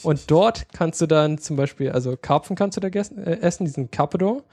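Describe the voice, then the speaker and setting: A man co-hosting a casual podcast chat rambles through his stories and laughs often. His voice is a little high and mellow, his pace brisk, and the recording has no echo.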